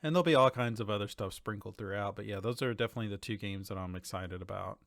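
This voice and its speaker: A podcast co-host talks about video games casually and enthusiastically, using informal language. His voice sits on the low side, creaky yet fairly bright, and he speaks at a quick pace. The recording is dry and of studio quality.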